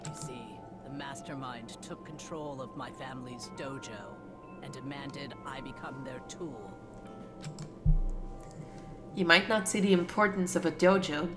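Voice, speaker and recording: Woman doing a low-voiced, solemn warrior woman. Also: fairly bright tone. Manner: grave, measured, formal. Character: solemn, stoic, honorable female martial artist. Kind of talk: video game character read-aloud.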